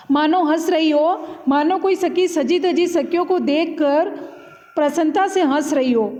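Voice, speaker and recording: High-voiced woman teacher, echoey. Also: darkish tone. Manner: patient, repeats lines and asks "है ना". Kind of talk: explaining a Hindi poem to students. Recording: long hall reverb.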